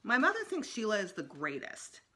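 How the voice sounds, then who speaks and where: A woman's voice: mid-range voice, huge pitch swings, moderate pace, pushed and bright. A woman reading a children's book aloud as a storytime narrator, expressively. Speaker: storytime reader.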